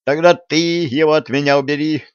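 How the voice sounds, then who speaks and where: Man doing a fiery young widow, shrill and scolding, raised pitch, dry muffled sound. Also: steady tone, moderate pace, smooth, no room sound, natural voice. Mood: furious.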